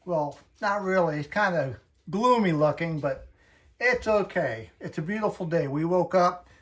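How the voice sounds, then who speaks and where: Slow-talking man, casual hobby vlogger. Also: sits high, fairly bright tone. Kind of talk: casual hobby tutorial vlog.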